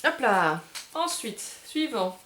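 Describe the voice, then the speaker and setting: A woman's voice: on the high side, big pitch swings, slow, fairly bright tone. A woman hosting a casual unboxing video for a game bar, chatting and hesitating as she sorts through cards. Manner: chatty, hesitant, self-correcting while handling cards. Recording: roomy with faint background noise.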